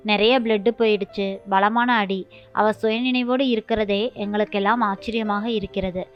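A steady hospital nurse, read by a woman storyteller, plain and matter-of-fact in her news. Muffled lo-fi sound with faint music. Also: medium pitch, normal speed, natural voice.

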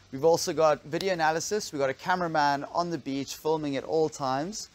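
A man in his thirties, an enthusiastic kitesurf coach, talking to camera outdoors by a pool on a lapel mic. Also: fairly high pitch. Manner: upbeat, enthusiastic, laughing. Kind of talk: promotional vlog talk to camera.

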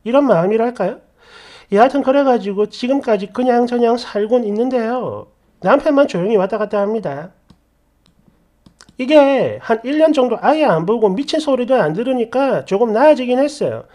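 A woman narrates a first-person story in an expressive, chatty way. Her voice sits a little high and swings freely in pitch. She sounds like she is confiding in listeners. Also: normal speed.

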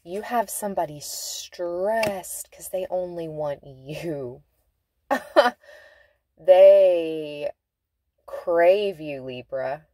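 A woman's voice: lowish voice, extremely slow, warm tone. A woman giving a casual tarot reading from inside a car, chatty and laughing, stretching out words for emphasis. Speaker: tarot reader.

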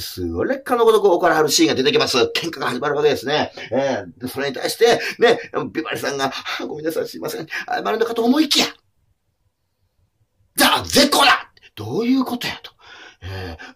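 A man in his forties with a Kansai accent, a comedian telling a film's story with lively acted-out quotes. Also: mid-range voice, breathy edge. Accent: Kansai Japanese. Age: 40s. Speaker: comedian reviewing a documentary film. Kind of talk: animated comic film talk.

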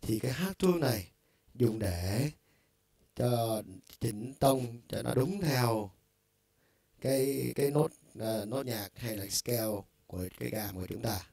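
A music store demonstrator with a Vietnamese accent and a low, gravelly, dark, mellow voice takes it slowly as he walks through a keyboard's vocal effects. The demo is casual and instructional, loose and conversational, with plenty of filler words. The sound is dry and close, with no echo and little room around it.

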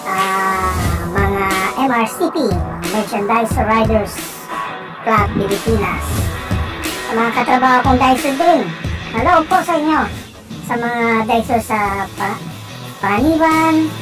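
Woman, moto vlog narration, chatty, lots of fillers, somewhat high voice, loud background music. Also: slow pace, poor audio. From Philippines. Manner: chatty, greets viewers, many fillers. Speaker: vlogger.

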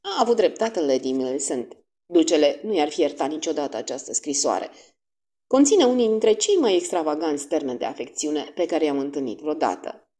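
A woman's voice: deep voice, lively intonation, dark tone. A woman voicing a fussy, vain middle-aged male detective, theatrical and fond of French exclamations, in a storybook reading. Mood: self-assured.

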